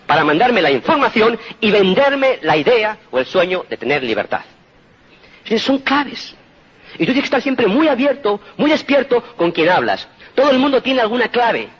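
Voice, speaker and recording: Spanish man in his forties, earnest motivational storyteller, husky voice, dull lo-fi sound. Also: high-pitched, fairly bright tone. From Spain. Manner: earnest storytelling, addresses audience directly. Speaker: speaker giving a testimonial talk. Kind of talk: motivational talk. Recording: dull lo-fi recording.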